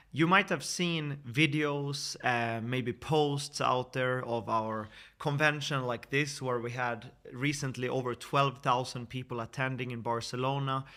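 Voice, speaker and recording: A man's voice: mid-range voice, sharp tone. A man in his thirties from Sweden, giving an earnest, persuasive screen-share sales presentation with frequent fillers and restarts. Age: 30s. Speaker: network marketing presenter.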